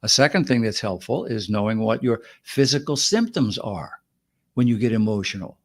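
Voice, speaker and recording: A man co-hosting a podcast, explaining points in a measured, conversational way. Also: on the low side, lively intonation. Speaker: co-host.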